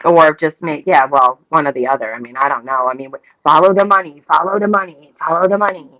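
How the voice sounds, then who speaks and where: She talks quickly in a low, slightly bright voice, a talk show co-host from Staten Island, New York whose animated chat is opinionated, emphatic, repetitive and casually profane. The sound is lo-fi, with no room sound.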